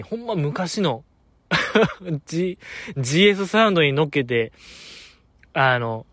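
A fairly high-voiced man with a Kansai accent carries a solo podcast in a loose, chatty monologue. His pitch swings widely as he jokes and wanders between tangents. The sound is close and dry, with no room around it. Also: no room sound. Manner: chatty, animated, laughs often, digresses. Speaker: podcast host. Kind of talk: casual solo podcast chat.

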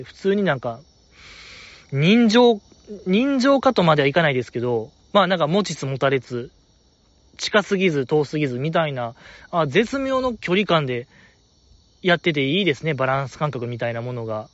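A man's voice: fairly high pitch, lively intonation, a little fast, no echo, lo-fi sound. A man with a Kansai accent hosting a podcast, chatting casually and enthusiastically about listener letters with a rambling, filler-heavy delivery. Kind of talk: casual fan chat.

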